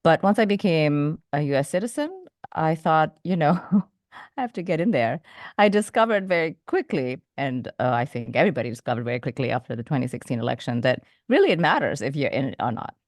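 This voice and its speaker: A woman from Indonesia, a podcast host, giving thoughtful, measured interview answers with small restarts. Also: deep voice, lively intonation, dry recording, clean studio sound. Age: adult, came to the U.S. as a teenager.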